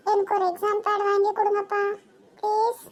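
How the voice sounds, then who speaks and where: A woman's voice: extremely high pitch, completely flat delivery, moderate pace, pitched above the performer's own voice. A female performer doing a whiny, begging young daughter. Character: young daughter, pleading and tearful. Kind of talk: amateur family skit acting.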